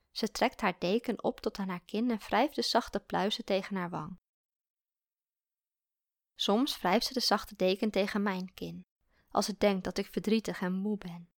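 Woman storyteller, calm and reflective, mid pitch, some fry. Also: dry recording, clean studio sound. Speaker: narrator. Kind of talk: scripted story narration.

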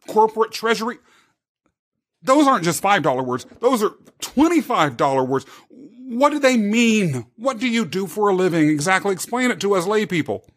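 Upbeat male podcast host, high voice, lively questions. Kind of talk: podcast interview.

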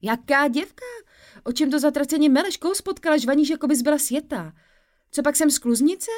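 Storybook best friend, young woman, brash and loud, high and excited, read by a woman narrator. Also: smooth, natural voice. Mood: exasperated. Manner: blunt, exasperated, loud.

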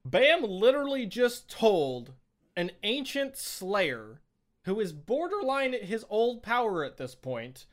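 A man co-hosting a casual chat, animated and quick to laugh, acting out lines as he explains. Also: very high voice. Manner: animated, laughs often, acts out quotes. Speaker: podcast co-host.

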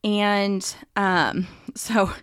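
A woman's voice: medium pitch, fairly even intonation, extremely slow, fairly bright tone, clean tone, no echo, clean studio sound. A woman co-hosting a podcast in casual chat, talkative, with many fillers. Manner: chatty, filler-heavy, laughs easily. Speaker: podcast co-host.

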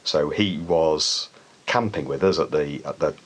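Speaking a little slowly, this middle-aged man from the United Kingdom has an extremely low voice with a breathy edge. He's an alpinist guest recounting climbing stories, hesitant and reflective, with many restarts and soft laughs.

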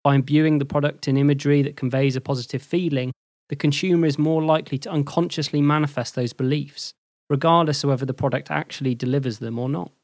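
A man narrating a scripted lesson as host, in a measured, even way. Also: a little high, no echo, clean studio sound. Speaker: host and lecturer.

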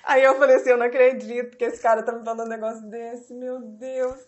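A woman's voice: a little high, quick pace, dull audio, slight background noise. A woman, a guest, telling her story conversationally and acting out the dialogue she quotes. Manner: animated, acts out quoted dialogue.

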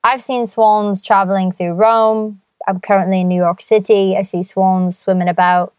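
A woman's voice: medium pitch, level tone, moderate pace, clean tone, dry recording. A woman hosting her own podcast, talking in a playful, theatrical way with jokey asides. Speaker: podcast host. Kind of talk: chatty solo podcast monologue.

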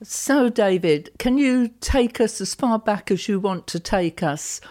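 A woman co-hosting a podcast, inviting the guest to tell his story in a slow, inviting way. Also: mid-range voice, expressive, a little mellow. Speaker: podcast co-host.

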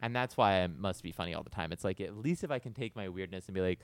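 A man's voice: low-pitched, quick pace, clean tone, no echo. A man co-hosting a podcast in casual chat, rambling and self-deprecating as he jokes along. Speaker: podcast co-host.

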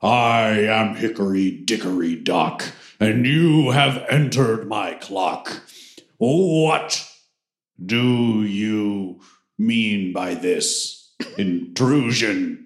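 A stern old hermit mouse wizard from a tabletop game, played by a man, speaks in a booming voice that rings through the halls as if magically amplified. He talks slowly and grandly, with a gravelly edge. A roomy echo hangs around every word. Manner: slow, solemn and commanding. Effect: booming voice resounding through the halls. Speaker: game master voicing a character. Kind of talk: tabletop role-play acting.

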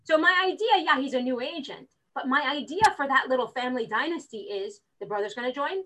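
This real estate recruiter, a guest in a relaxed interview, talks quickly in a voice that sits high, and the recording is rough. She's energetic and animated, performing the quotes as she recounts conversations.

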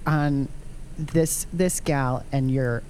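A woman's voice: extremely low pitch, fairly even intonation, very slow, mellow, a little hiss or hum. A woman interviewer chatting casually, reacting with informal exclamations and short interjections.

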